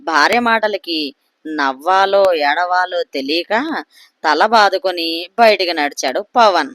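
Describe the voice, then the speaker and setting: A woman's voice: lowish voice, takes it slowly, fairly bright tone, no room sound. Woman storyteller, dry close voice. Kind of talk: scripted story narration.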